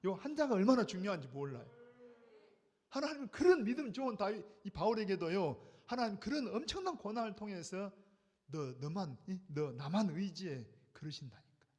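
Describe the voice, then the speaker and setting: A man preaching a sermon in a church sanctuary, pitched high for a male voice. He talks emphatically and keeps throwing questions out to the congregation. His voice carries a long hall reverb. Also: darkish tone. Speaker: senior pastor.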